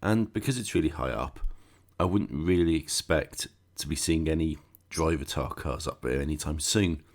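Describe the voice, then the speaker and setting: A gaming channel host with a cold talks through a game walkthrough, his voice croaky and congested, tossing in sarcastic remarks. His pitch is extremely low and he speaks at a normal speed.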